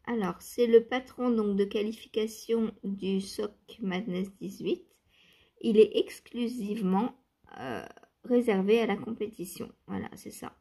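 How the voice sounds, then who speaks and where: A woman chatting casually in a knitting vlog, laughing often and filling pauses with hesitations. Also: medium pitch, warm tone, husky. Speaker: knitting vlogger. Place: outdoors or by open door, cool weather.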